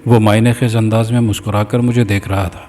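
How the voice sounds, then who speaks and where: Mellow male horror storyteller. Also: on the low side, flat delivery, a little hiss or hum. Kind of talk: scripted horror narration. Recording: distant mic, faint background music.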